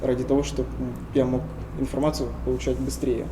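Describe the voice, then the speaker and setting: A young man from Tuva, Russia, answers interview questions earnestly as a guest, often pausing with hesitation sounds. His medium-pitched voice is flat, with background noise behind it.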